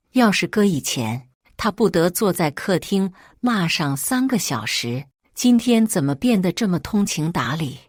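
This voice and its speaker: A woman narrating a dramatic first-person story in an emotional, expressive way. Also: on the low side, no echo, clean studio sound.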